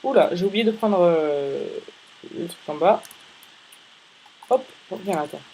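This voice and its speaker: A man's voice: high voice, lively intonation, unhurried, warm tone, slightly rough, rough recording. A male gaming host giving casual, rambling let's-play commentary, chatting playfully with viewers between tasks.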